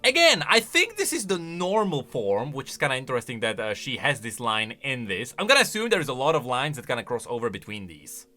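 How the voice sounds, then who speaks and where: Speaking fairly quickly with hardly any pauses, a man with a medium-pitched voice offers lively, casual reactions to game voice lines, swinging between emphatic outbursts and quieter side remarks.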